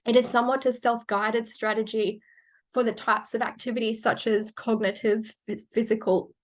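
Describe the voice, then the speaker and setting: In an academic webinar, a woman walks through medical research in a careful, technical manner, with many fillers and restarts. Her voice is slightly high with little pitch movement, and hoarse as she loses it.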